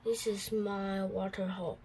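A woman's voice: medium pitch, flat delivery, darkish tone, a little hiss or hum, close to an everyday voice, rough recording. Woman reading as a selfish snapping crocodile. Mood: defiant. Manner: slow, plain read-aloud delivery.

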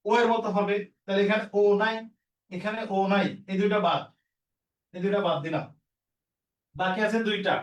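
A man's voice: high-pitched, normal speed, long pauses, reverberant, distant mic, low-quality recording. A man teaching an exam-prep lesson, repeating each rule and quizzing his students as he works through the questions. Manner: repetitive, drilling rules with questions to students.

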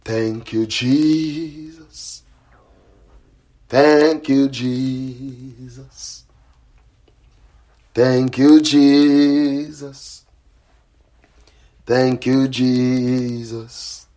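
A man's voice: mid-range voice, steady tone, extremely slow, long pauses, dark tone. A man leading a prayer line as a pastor, praying fervently in a repetitive, chanting and commanding way, with stretches of speaking in tongues. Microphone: phone or call line.

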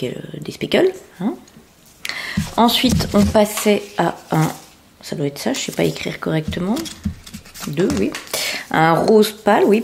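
A woman hosts a relaxed crafting podcast with a fairly low voice. She talks in a chatty, meandering way, full of small hesitations. A faint hiss sits under the recording. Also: creaky. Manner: chatty, many hesitations and fillers, showing items to camera. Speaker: podcast host. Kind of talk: casual knitting and sewing podcast chat.

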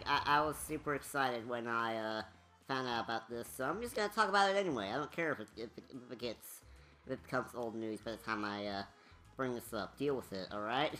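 Very deep-voiced woman rambling over gameplay. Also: pushed and bright. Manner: rambling, chatty, many fillers. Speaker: game walkthrough narrator. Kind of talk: casual gameplay commentary.

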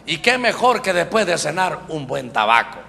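A man preaching voices a sly male inner voice that coaxes and tempts, lower and quieter than his own voice. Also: very animated, normal speed, gravelly, in a large hall, slight background noise, full character voice. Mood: coaxing.

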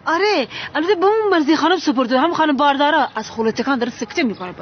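A talkative, meddling housemaid who bickers. Her voice is high. The film audio is dull, with faint noise behind her. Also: animated. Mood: bickering. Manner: chatty, bickering. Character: chatty housemaid, meddling and quick-tongued.

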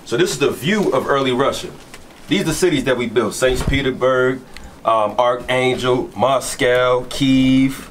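A man preaching forcefully in a heated street debate, repeating and pressing his points. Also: medium pitch, a little slow, a little hiss or hum.

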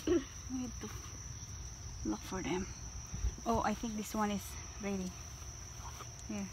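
A woman's voice: mid-range voice, takes it slowly. A woman with a Filipino accent, a native Tagalog speaker, chatting casually as a mother filming a family vlog. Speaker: mother vlogging with her family. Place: outdoors in a backyard and on a porch. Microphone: handheld or propped phone. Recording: outdoor phone video with clear background noise.

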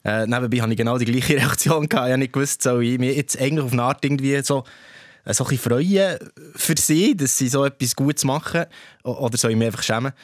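Swiss German male guest, rapid and rambling, mid-pitched voice. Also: dry recording, clean studio sound. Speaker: podcast guest. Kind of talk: casual football chat.

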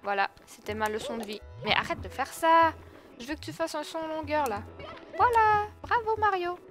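A young woman talks through her gameplay in a high, bright voice, yelping when things go wrong and scolding the character on screen. Game music plays clearly underneath her commentary. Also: expressive, normal speed. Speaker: let's play gamer. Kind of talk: excitable gaming commentary.

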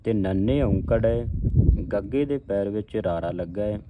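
A man with a Punjabi accent teaching scripture pronunciation, reciting each verse slowly and then explaining pauses and stress in quieter asides. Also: on the low side, narrow, tinny audio, background noise. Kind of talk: slow line-by-line recitation with pronunciation notes.

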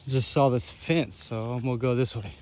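With a mid-range, slightly mellow voice at normal speed, this young adult vlogger offers casual, slangy commentary as he walks an outdoor wooded trail. He films on a handheld phone or camera at arm's length. Faint noise and the sounds of nature surround him.

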